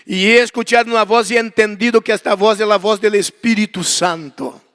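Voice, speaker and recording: High-voiced Brazilian man preaching in a hall. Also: fairly even intonation, brisk. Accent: Brazilian Portuguese. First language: Portuguese. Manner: dramatic storyteller, acting out dialogue, swings from quiet prayer to loud emphasis. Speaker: guest preacher. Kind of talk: storytelling sermon. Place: church hall. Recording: long reverb of a church hall.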